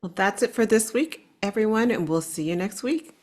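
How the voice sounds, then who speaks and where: A woman's voice: mid-range voice, animated, moderate pace, darkish tone. A woman co-hosting a podcast, speaking in an affirming way to her guest and signing off the show. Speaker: podcast co-host. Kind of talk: casual chat, podcast sign-off.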